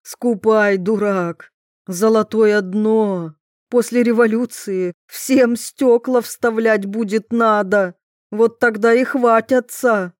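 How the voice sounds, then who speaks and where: A greedy, pushy lady, voiced by a woman reader, pitched up and loud. She hectors in urgent, slow-drawn bursts. It is heard close and dry. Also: steady tone, dry recording. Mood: hectoring.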